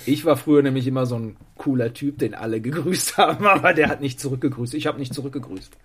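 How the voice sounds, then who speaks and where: A man chatting casually as a podcast co-host, an animated storyteller who laughs while telling his jokes. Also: mid-range voice, quick pace, slightly rough. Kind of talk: casual chat.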